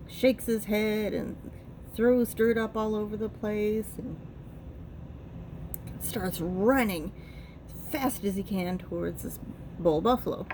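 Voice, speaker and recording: A woman telling a family story from her childhood in a relaxed, rambling way, stringing events together with lots of "and"s. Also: medium pitch, noisy background.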